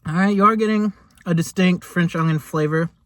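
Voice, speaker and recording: This taste-test host has a high-pitched, somewhat bright voice and a brisk delivery. His food review is relaxed and wandering, full of hesitant phrasing and constant "like"s.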